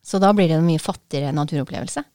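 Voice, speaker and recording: A woman's voice: low voice, a little mellow. A woman in a casual book talk, speaking thoughtfully with many hesitations.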